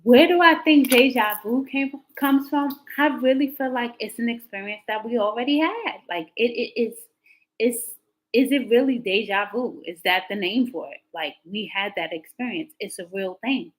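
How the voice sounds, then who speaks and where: A woman hosting a live tarot stream, chatting casually to her viewers as a rambling storyteller whose pitch jumps up when she gets excited. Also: normal speed, low-quality recording.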